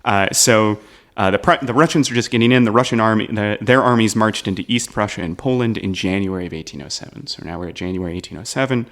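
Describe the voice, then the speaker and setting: A man's voice: on the low side, fast talker, few pauses, a bit bright. A man telling a history story on a comedy podcast, casual, often checking in with "right?". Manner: explains with "right?" asides, laughs at the jokes.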